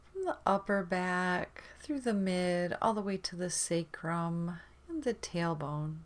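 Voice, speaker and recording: Her pitch is medium, and she guides listeners through meditation softly and soothingly, leaving extended pauses after each phrase.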